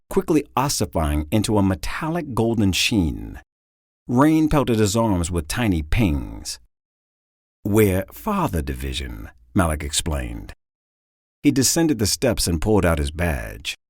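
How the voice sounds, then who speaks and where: A man reading an audiobook in dramatic, expressive storytelling, close to the mic. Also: low-pitched, unhurried, no echo. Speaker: audiobook narrator. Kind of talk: scripted audiobook narration.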